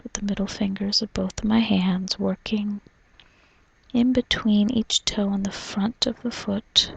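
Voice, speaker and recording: A woman doing an ASMR role-play as a spa massage therapist, in a soft, soothing, breathy soft voice, narrating gently. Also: medium pitch, flat delivery, a little slow, a little hiss or hum, low-quality recording. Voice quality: breathy, mostly unvoiced soft voice. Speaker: reflexologist giving a foot massage.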